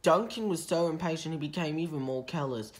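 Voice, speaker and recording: A woman reading a children's storybook aloud in a steady, expressive way. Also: deep voice, quick pace, a little hiss or hum.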